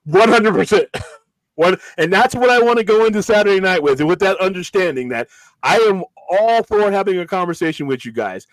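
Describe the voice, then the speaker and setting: A man co-hosting a podcast in casual chat, animated and emphatic, often repeating words as he talks. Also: high-pitched, moderate pace, dry recording, rough recording. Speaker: podcast co-host.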